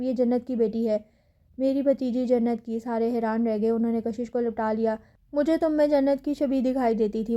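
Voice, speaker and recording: Brief: female audiobook narrator, Pakistani Urdu accent, fairly high voice, dark mellow tone, very even delivery. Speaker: novel narrator.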